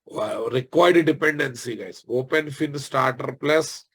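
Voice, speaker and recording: A man with a Telugu Indian accent and a slightly husky voice, teaching a live technical class, repeating phrases and quizzing his students informally. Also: medium pitch, measured pace. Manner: repeats phrases, often addresses listeners informally. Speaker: programming instructor.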